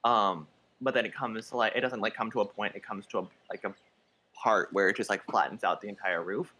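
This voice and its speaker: Bright young man rambling casually. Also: fairly low pitch, fairly even intonation, fairly quick, breathy edge. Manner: rambling, hedging with many "like"s. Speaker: friend on a livestream call. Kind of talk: casual chat on a voice call.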